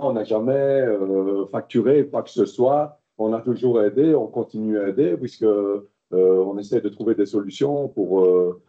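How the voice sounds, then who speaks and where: A man chairing a council meeting as mayor, explaining at length with many hesitations, recorded with dull low-fidelity sound. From Belgium. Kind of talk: council debate. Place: council chamber.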